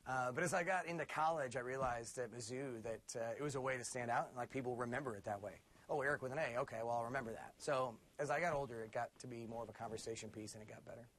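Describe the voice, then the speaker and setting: Relaxed conversational man from Missouri. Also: medium pitch, quick pace, few pauses, slight background noise. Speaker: arena announcer and radio host. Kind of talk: interview answers.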